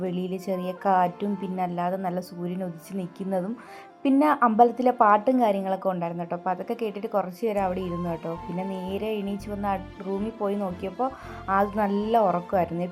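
Quick, chatty Malayali woman vlogger. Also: medium pitch, fairly even intonation, a little mellow, faint music behind. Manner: chatty, keeps adding "കേട്ടോ". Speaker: home vlogger, mother. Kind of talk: casual voice-over narration of her day.

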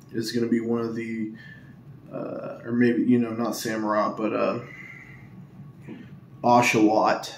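A man speaks in a low, hushed monotone as he opens card packs at home, trailing off into ums and uhs. His voice bounces around a reverberant room over a faint hiss of ambient noise. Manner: monotone, hushed tone to avoid waking others; rambling with many ums and uhs. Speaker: Pokemon card opening YouTuber. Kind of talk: casual hushed pack-opening vlog. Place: at home indoors.

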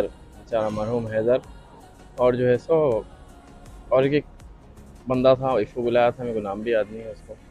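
A young man tells a long, rambling story, acting out what everyone said. His voice sits at an ordinary middle pitch. The recording is dull and lo-fi, with faint music underneath. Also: darkish tone. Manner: rambling, reenacts dialogue. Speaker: vlogger. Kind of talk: casual storytelling.

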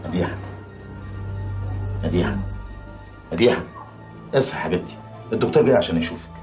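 An anxious Egyptian husband comforts his wife in a rushed, gentle voice. The sound is roomy and distant, with music behind. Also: deep voice, animated. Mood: anxious soothing. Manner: soothing, anxious. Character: worried husband soothing his sick wife.

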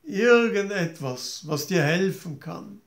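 A man's voice: high voice, lively intonation, slow, pitched above the performer's own voice, heavily acted. A man voicing a loving, worried king in a fairy tale who asks concerned, eager questions. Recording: roomy echo.

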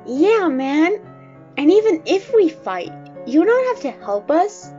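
A woman puts on a small monster boy for an audio drama. The voice is high and eager, full of cocky slang, on a slightly muffled lo-fi mic with faint music behind. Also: very animated, slow pace, dark tone, exaggerated voice. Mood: excited. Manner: slangy, eager kid talk. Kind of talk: fan audio drama acting. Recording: dull, lo-fi microphone sound.

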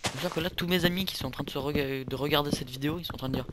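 Heavy background noise surrounds a young man's slightly high, rapid-fire voice as he comments on a video game. It's a casual, rambling let's play, and he keeps joking at his own expense.

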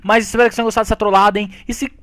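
A man hosting a Minecraft video, chatting excitedly with friends and repeating words as he plays. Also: high-pitched, very fast. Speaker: Minecraft gameplay video host. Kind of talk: excited gaming chat with friends.

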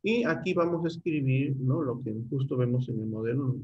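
A man's voice: mid-range voice, brisk, darkish tone, husky, dull audio. Patient male computer teacher on a call. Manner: patient, step-by-step, checks in often with students. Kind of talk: online class instruction.

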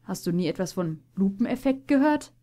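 A woman's voice: mid-range voice, lively intonation, fairly quick, dark tone, close to an everyday voice. A proud, clever stallion with a dry, know-it-all way of talking, played by a woman reading aloud. He sounds touchy and sure of himself.

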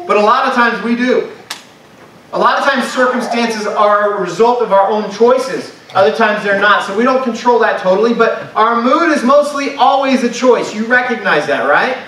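A man's voice: very high voice, moderate pace, a bit bright, a little hiss or hum. A man preaching a sermon to a congregation, talking in a conversational way and asking the room questions. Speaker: pastor. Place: church sanctuary. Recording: echoey church sound from a distant mic.

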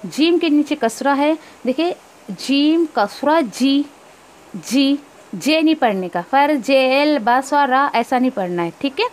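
Her voice is high and expressive as she walks through tajweed rules one by one, then recites verses slowly. Along the way she fixes wrong pronunciations and slips in English words.

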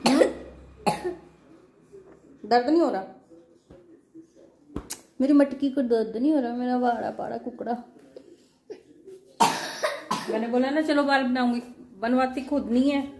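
Woman, 30s, home vlogger and mother; chatty, playfully scolding; fairly high voice, phone camera in the kitchen. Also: fairly even intonation, unhurried, pauses often, a little mellow, a little hiss or hum. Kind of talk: casual chat to viewers.

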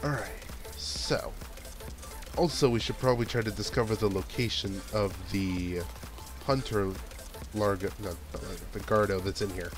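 Game background music plays beneath a stuffy-nosed man speaking in a low, steady voice at normal speed. He's playing a video game and chatting casually, reasoning out loud about what to do next.

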